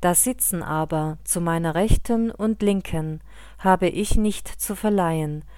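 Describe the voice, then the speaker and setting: A woman reading the words of a calm male teacher speaking to his followers, in a solemn, measured way. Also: high voice, clear, resonant tone, no echo, studio quality.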